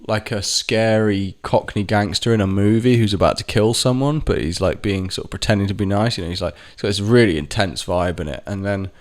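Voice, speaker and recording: A man's voice: fairly low pitch, a little fast, hardly any pauses. A man telling a rambling, sweary personal story to camera, often stopping to correct himself. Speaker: vlogger. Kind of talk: casual storytelling monologue.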